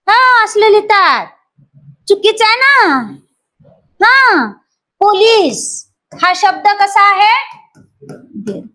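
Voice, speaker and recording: A woman from Maharashtra with a teaches a grammar class for exam aspirants. Her voice sits very high. She keeps quizzing the students and repeats each rule until it sticks. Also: slow, pauses often. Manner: lively, questions students and repeats key points.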